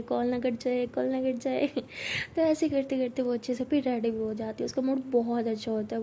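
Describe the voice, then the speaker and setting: A woman's voice: fairly high pitch, mellow, slight background noise. Chatty young woman telling a story. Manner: chatty, uses many fillers. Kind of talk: casual spoken storytelling.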